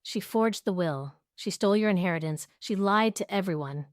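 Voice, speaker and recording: A woman voicing a shaken adult husband who speaks quietly and sounds hurt. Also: mid-range voice, normal speed, no room sound, studio quality, lightly acted.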